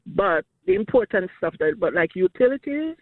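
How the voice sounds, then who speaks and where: Older woman caller, halting and unsure, tinny phone line, dry sound. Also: medium pitch, sing-song, dry recording. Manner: hesitant, halting with many restarts. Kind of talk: call-in question.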